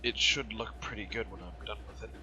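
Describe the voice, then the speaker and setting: A man giving casual game commentary, rambling and thinking aloud, with train engines rumbling behind him. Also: steady tone, a little fast. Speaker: gamer showing a train simulator. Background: loud train simulator engine noise.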